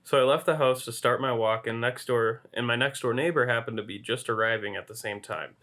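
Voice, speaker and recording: A man's voice: medium pitch, fairly quick, fairly bright tone. Man, podcast co-host, reading a story aloud, amused, laughing now and then.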